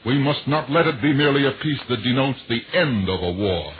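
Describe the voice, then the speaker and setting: Through tinny, crackling vintage 1940s radio sound, a man with a mid-range voice briskly reads a scripted war bond appeal. He sounds earnest and emphatic, in the announcer style of the era.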